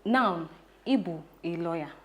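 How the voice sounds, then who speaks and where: A woman's voice: on the low side, expressive, measured pace, fairly bright tone. A woman with an Igbo Nigerian accent, interviewing conversationally and mixing English words into her Igbo.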